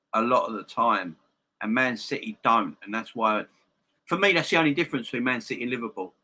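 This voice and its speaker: A man's voice: medium pitch, sharp tone, slightly rough, low-quality recording. A man hosting a casual football live stream, repeating phrases for emphasis, with a slight lisp from a missing front tooth. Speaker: football fan channel live stream host. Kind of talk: casual live-stream chat and football opinion, addressing viewers.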